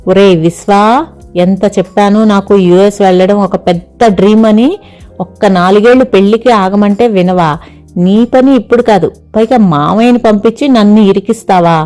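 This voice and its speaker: A woman's voice: mid-range voice, normal speed, dark tone, soft background music, lightly acted. A woman voicing a headstrong young daughter. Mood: stubborn. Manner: petulant, teasing.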